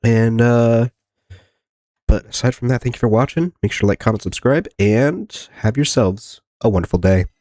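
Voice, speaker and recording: A mid-range, darkish male voice delivers relaxed, rambling game commentary at a moderate pace, stuffy and congested as he gets over an illness. The host frequently addresses himself and the game's characters, and the sound is clean studio audio with no echo.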